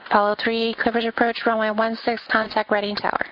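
A woman working as an air traffic controller on the radio, giving clipped procedural instructions in an even delivery. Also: fast talker. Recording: muffled low-fidelity radio audio.

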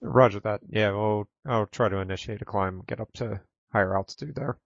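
Quick, creaky male pilot on radio. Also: fairly low pitch, dry recording. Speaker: private pilot on air traffic radio. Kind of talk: radio calls from a cockpit headset. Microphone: pilot headset over radio. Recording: muffled aviation radio with clicking.

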